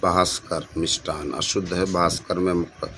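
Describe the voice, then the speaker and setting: A man's voice: deep voice, level tone, normal speed, fairly bright tone, a little hiss or hum. A male teacher going through exam spelling questions, reading each option aloud and repeating words to stress the correct one.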